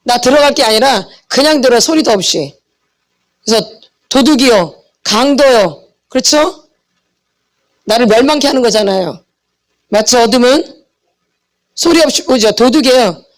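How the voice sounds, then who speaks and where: A woman's voice: fairly high pitch, lively intonation, moderate pace, long pauses. Woman preaching with call-and-response questions. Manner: asks the audience questions and answers them herself. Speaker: teacher at a church healing seminar. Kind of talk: teaching sermon with call and response.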